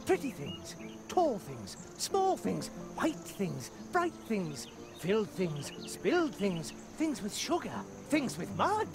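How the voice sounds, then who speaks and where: An aging mouse shopkeeper for a video game, as hammy as a stage actor. His grandiose patter swoops widely and trips over itself, with music clearly playing behind him. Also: sits high, huge pitch swings, slow, exaggerated voice. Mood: eager, grandiose. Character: theatrical aging mouse merchant, chatty doting father. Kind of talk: video game character acting.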